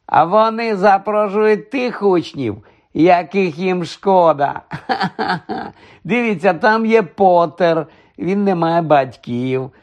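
A spoiled schoolboy bully sneers and drawls his taunts, as a man puts him on in an audiobook. The voice sits noticeably higher than an ordinary man's and stretches the words out slowly, with a mocking edge. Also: expressive. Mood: taunting. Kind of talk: audiobook character voice.

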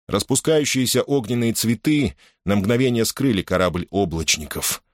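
A man narrating a novel as an audiobook in a steady, measured storytelling manner. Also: sits low, no echo, clean studio sound. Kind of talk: scripted narration of a science fiction novel.

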